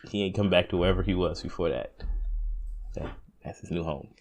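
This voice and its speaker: A man's voice: low voice, brisk, a little mellow. A man co-hosting a casual gaming podcast, goofing around with jokes and silly bits. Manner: goofy, bursts into silly voices and jokes. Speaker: podcast co-host.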